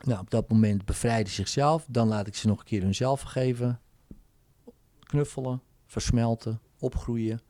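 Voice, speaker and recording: A man's voice: medium pitch, normal speed, no echo. A man, a hypnotherapist telling in casual talk how he works, acting out bits of his sessions. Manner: animated storytelling, acting out client dialogues.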